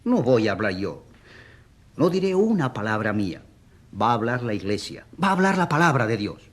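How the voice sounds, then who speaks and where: A very animated actor with a mid-range voice portrays a headstrong man from the provinces in a radio drama. Halting yet insistent, he fervently pleads the case of a priest who has been accused.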